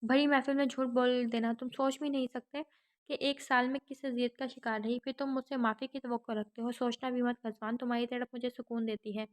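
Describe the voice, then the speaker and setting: A woman's voice: on the high side, little pitch movement, natural voice. Brief: stern young wife, read by a woman, cold and hurt, audiobook novel.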